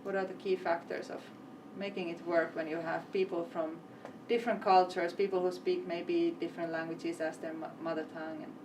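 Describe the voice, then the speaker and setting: At an event venue, a woman hosts a live panel interview, posing long, winding questions as interviewer and host. Her voice is fairly low and darkish, with little pitch movement, a slightly fast pace and hardly any pauses. A distant mic picks her up with faint ambience and slight background noise.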